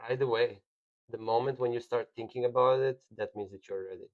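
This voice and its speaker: A man's voice: mid-range voice, steady tone, brisk, narrow, tinny audio. A man from Serbia with a Serbian accent, talking plainly and earnestly as a business owner in a casual podcast chat.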